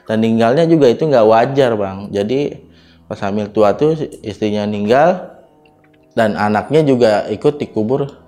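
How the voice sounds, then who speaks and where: A man's voice: on the low side, moderate pace, dark tone, faint music behind. A young adult man from Indonesia telling a personal ghost story in casual spoken style, often addressing his listener directly and acting out the dialogue. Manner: colloquial, addresses listener as Bang, acts out quoted dialogue.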